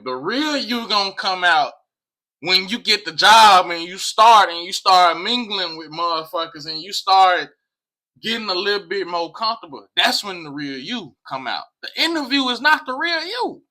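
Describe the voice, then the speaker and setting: A man's voice: sits high, pushed and bright. An American man talking casually to viewers in an emphatic way, repeating phrases and swearing freely. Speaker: vlog host.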